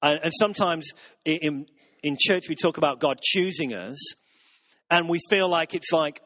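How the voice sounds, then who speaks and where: A man's voice: a little high, normal speed, pushed and bright. A man, a pastor, giving a conversational sermon with earnest, self-mocking humor.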